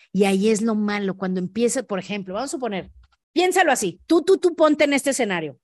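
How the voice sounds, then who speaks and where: A woman's voice: a little high, no echo, studio quality. A woman with a Mexican accent hosting a motivational podcast, talking straight to the listener and acting out little scenes. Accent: Mexican Spanish. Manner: animated, acts out scenarios in quick voice shifts; speaks directly to listener with frequent "¿ok?" tags. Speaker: podcast host.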